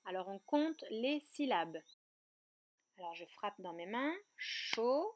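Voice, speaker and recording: A woman teaching a remote kindergarten lesson, speaking slowly and clearly and breaking words into syllables. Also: mid-range voice, lively intonation, background noise. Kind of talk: remote lesson for young children. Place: outdoor terrace at night.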